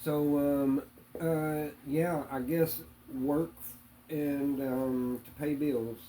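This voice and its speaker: Man, hesitant, plainspoken, many fillers, mellow tone. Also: a little high, little pitch movement, very slow, a little hiss or hum, poor audio. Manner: hesitant, many ums and uhs; plainspoken, religious. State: hiccups. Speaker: interviewee. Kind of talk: casual interview answers.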